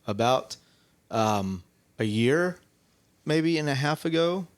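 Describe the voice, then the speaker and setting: A man's voice: fairly high pitch, expressive, slow, clear, resonant tone, no room sound. A man co-hosting a casual church podcast, telling stories in a rambling, self-correcting way. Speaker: co-host.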